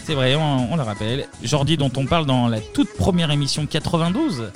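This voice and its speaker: A man's voice: fairly high pitch, expressive, a little fast. Joking man hosting a music quiz. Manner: joking, hesitant, fills with "euh". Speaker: podcast host running a music quiz. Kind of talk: casual chat.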